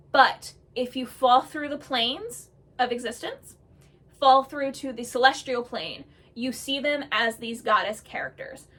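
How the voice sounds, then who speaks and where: High and bright, a woman's voice gushes to her viewers about invented characters in a relaxed, storytelling vlog. She gets worked up with enthusiasm, and many "um" fillers crowd her pauses.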